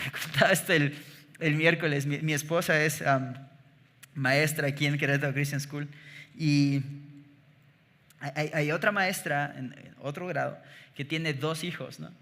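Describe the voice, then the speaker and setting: A young adult man with a Mexican accent preaches a live sermon, his voice high and sharp. He presses the congregation with emphatic rhetorical questions. The sound carries a long reverb from the church hall. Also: fairly even intonation, unhurried, long pauses. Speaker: pastor. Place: church sanctuary.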